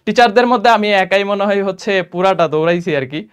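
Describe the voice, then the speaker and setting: High, clear-voiced young male math teacher. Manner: quizzing students with quick rhetorical questions; mixes in English math terms. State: tired and a little low on energy after a run. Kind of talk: exam-prep math lesson.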